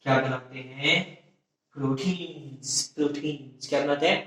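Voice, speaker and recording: A man's voice: mid-range voice, steady tone, measured pace, fairly bright tone, recorded from a distance. Man teaching in a very echoey room. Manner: repetitive call-and-response questioning, frequent self-corrections. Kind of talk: classroom biology lecture in Hindi-English mix.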